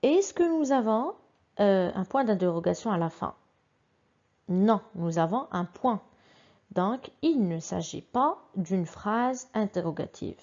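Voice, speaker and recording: A woman teaching a simple grammar lesson, patiently reading each example sentence twice with clearly marked question intonation. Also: medium pitch, animated, slow pace, darkish tone, highs cut off. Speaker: French teacher.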